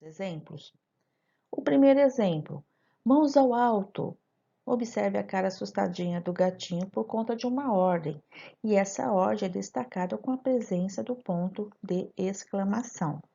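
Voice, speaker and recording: A woman teacher explains grammar terms one step at a time in a recorded lesson, speaking didactically and asking her students rhetorical questions. She talks at normal speed in a medium-pitched, warm, slightly rough voice with vocal fry, and the recording's highs are cut off.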